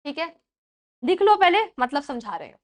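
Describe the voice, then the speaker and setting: A young woman teaching a class and mixing English terms into Hindi, dictating slowly, repeating points and checking that her students follow. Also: high-pitched, sing-song. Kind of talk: classroom lecture.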